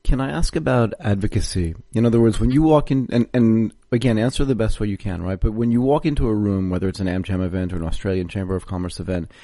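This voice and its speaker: Deep, mellow male podcast host. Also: fast, hardly any pauses, no room sound. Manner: casual, prompting questions with teasing asides. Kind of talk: podcast interview.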